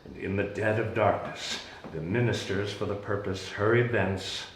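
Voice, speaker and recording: A man playing a bitter, commanding exiled duke and father in a theatrical, halting, deliberate Shakespearean reading. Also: lowish voice, steady tone, a little hiss or hum, lightly acted. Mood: grave, resentful. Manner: theatrical, halting, deliberate delivery with sudden emphatic rises. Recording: echoey room.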